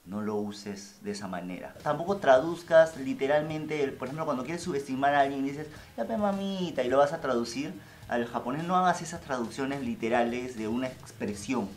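A man who teaches Japanese in a casual online lesson. He is playful and jokey, and he repeats words slowly to drill them. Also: medium pitch.

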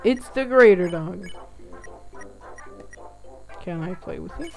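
A woman hosting a casual let's-play, reading the game's text aloud between quick reactions. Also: fairly low pitch, lively intonation, vocal fry, faint music behind. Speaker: gaming channel host.

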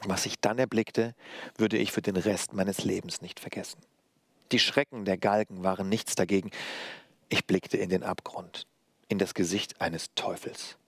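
Man reading his own story aloud, low voice. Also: slightly rough, no echo. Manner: measured, steady storytelling. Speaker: author. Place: library reading.

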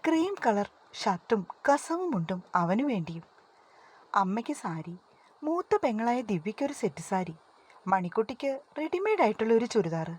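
A woman narrating a family story, gently voicing the relatives' lines now and then. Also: mid-range voice, very animated, normal speed, husky. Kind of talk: scripted story narration with dialogue.

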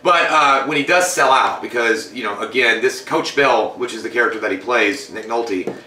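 Male review co-host, thirties, bright edge, casual and profane, roomy off-mic sound. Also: medium pitch, moderate pace, slight background noise. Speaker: movie and food review co-host. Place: room at home, indoors. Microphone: shared tabletop microphone. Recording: roomy, distant microphone sound.

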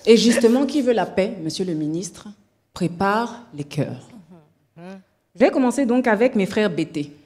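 A woman's voice: medium pitch, animated, a little mellow. Woman from Cameroon, comic TV speech, theatrical and playful, medium voice. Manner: playful, theatrical, slow emphatic delivery. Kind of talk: comic speech to a minister on a TV show.

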